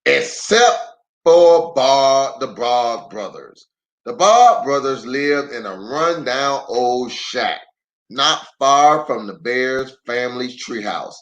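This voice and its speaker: The recording quality is poor as a middle-aged pastor, mid-range in voice, slowly reads a storybook for children. He addresses them directly, sprinkling in playful, chatty asides with plenty of expression.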